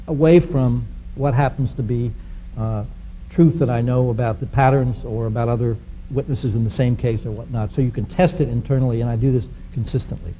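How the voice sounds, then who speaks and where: A man's voice: medium pitch, warm tone, slight background noise, low-quality recording. A man researching abductions explains his methods and tells an anecdote in a dry, matter-of-fact way. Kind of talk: panel discussion, anecdote.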